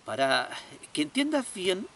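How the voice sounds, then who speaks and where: Man playing a worn-out dad, weary and short-tempered, voice swinging up high. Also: very animated, measured pace, fairly bright tone, distant mic, slight background noise, exaggerated voice. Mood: exasperated. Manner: weary, exasperated explaining. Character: tired, impatient father driving.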